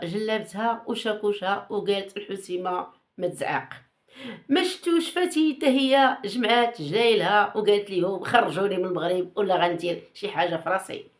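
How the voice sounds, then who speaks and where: A woman with a Moroccan Arabic accent hosting a gossip channel, talking casually and teasingly with rhetorical questions and repeated phrases. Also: medium pitch.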